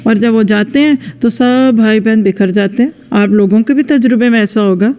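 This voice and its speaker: A woman religious teacher giving a conversational lecture into a microphone, speaking straight to her listeners and acting out sample dialogues. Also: fairly high pitch. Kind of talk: religious lecture to a women's audience. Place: lecture venue with a live audience. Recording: dull lo-fi sound with long hall reverb.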